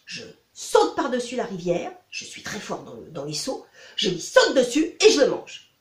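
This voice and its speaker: A woman voicing a hungry, whiny little male fox in a spoken storybook tale, talking loudly and eagerly. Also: fairly high pitch, wildly swooping pitch, normal speed, background noise. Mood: scheming. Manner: loud, eager, pleading. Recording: echoey room.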